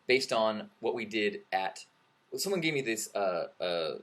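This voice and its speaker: Male stream host, lowish voice, easygoing rambling storyteller who jokes as he goes. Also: sing-song, a little slow, a bit bright. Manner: rambling, joking, self-correcting. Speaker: livestream host. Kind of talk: casual livestream chat. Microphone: webcam.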